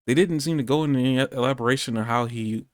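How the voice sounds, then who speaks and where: Streaming live from home, a male anime podcast host talks fast at a medium pitch, with studio-quality audio and no room sound. His casual conversation rambles and strays into tangents, and he keeps correcting himself mid-thought.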